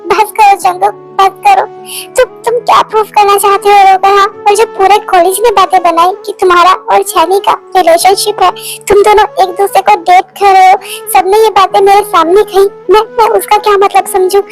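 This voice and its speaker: A sharp-tongued girlfriend, scolds and teases, really high and kinda flat. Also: normal speed, soft background music, poor audio. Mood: hurt. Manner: scolding then apologetic. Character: hurt, teasing young woman, the girlfriend. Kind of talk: Hindi fan dub of a romance story.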